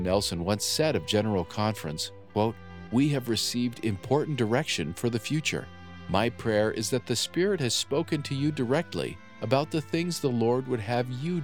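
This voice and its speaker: A man hosting a podcast, reading a smooth scripted outro. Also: medium pitch. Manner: smooth, read announcer delivery. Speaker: podcast host. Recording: faint guitar music bed. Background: soft guitar music.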